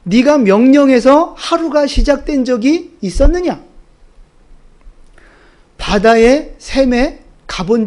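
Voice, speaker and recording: A man preacher voicing God in a sermon, asking slow, commanding questions. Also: very high voice, a little mellow.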